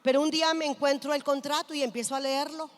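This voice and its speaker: A woman pastor with a high voice and fairly even intonation talks quickly as she preaches a sermon, sharing a personal story and putting questions to the congregation. She's in a large church hall, and the recording carries a long hall reverb.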